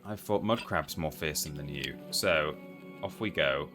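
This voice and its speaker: A man commentates casually as he plays a game. His voice is very deep yet bright and forceful, rambling as he thinks aloud, with soft music underneath. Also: measured pace. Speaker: live streamer playing a game.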